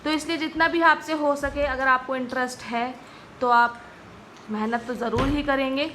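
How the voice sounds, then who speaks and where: Female tutor, high bright voice, slow patient delivery, faint background hum. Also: fairly even intonation. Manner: patient, repeats "ठीक है guys" often. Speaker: stenography teacher. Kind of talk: video lesson explaining strokes.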